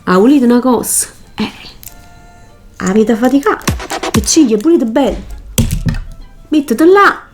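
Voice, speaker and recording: A woman's voice: fairly high pitch, animated, unhurried, long pauses. Neapolitan woman chatting over music. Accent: Neapolitan Italian. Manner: colloquial, emphatic, repeats instructions. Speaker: makeup tutorial vlogger. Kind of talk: casual chatty tutorial in dialect.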